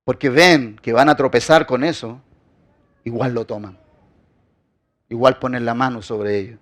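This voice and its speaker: A man preaching a sermon as pastor, building his points with rhetorical questions and emphatic repetition, often dropping quiet at the end of a phrase. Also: mid-range voice, fairly even intonation, a little slow.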